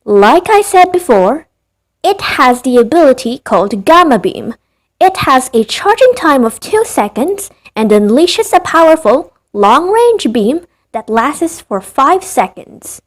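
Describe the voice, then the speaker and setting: Narrating a scripted gaming video, a woman ranks game creatures and throws in wry, meandering asides, saying her voice sounds tired and dead. Her delivery is high-pitched, sing-song and measured.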